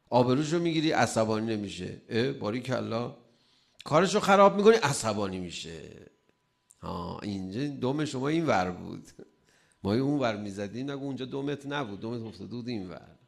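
A man delivering a religious sermon. He asks rhetorical questions and adds playful humor, swinging between loud emphasis and soft asides. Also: fairly low pitch, vocal fry. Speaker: preacher.

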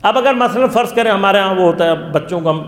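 High-voiced man lecturing in an echoey hall. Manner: asks the class questions and answers them himself. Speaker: religious teacher. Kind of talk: interactive lecture. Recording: echoey hall with long reverb.

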